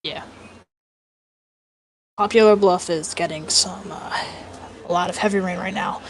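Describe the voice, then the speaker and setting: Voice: mid-range voice, steady tone, a little slow, a little hiss or hum, poor audio. A co-host of a live weather stream, casual, often muttering under the breath between reports.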